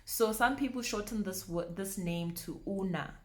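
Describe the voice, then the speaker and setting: A young woman teaching name pronunciation, saying each word slowly and repeating it, laughing often. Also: medium pitch, darkish tone. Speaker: language teacher. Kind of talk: pronunciation lesson.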